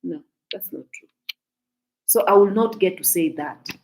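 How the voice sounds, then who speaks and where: Her voice low-leaning, darkish, and a little slow, a woman from Kenya speaks with a Kenyan accent, giving her viewers chatty, casual commentary on celebrity gossip. She makes her points emphatically, repeats them, and slips Swahili phrases in.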